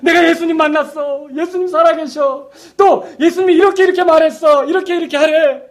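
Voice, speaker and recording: Brief: overjoyed young woman gushing news, high and bright, as a male preacher puts her on. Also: fairly even intonation, brisk. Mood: excited.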